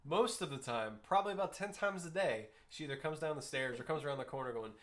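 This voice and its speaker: A man's voice: on the high side, fast, a bit bright. A man co-hosting a youth livestream from home, chatting casually with dry, teasing banter. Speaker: youth ministry co-host.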